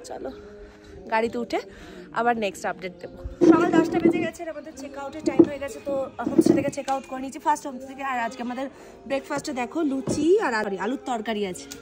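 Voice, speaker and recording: A woman vlogging her hill trip, chatting to viewers as she shows food, rooms and views. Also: high-pitched. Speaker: travel vlogger. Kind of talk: casual travel vlog narration. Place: outdoors in hills and indoors at homestays. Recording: phone vlog with clear ambient noise.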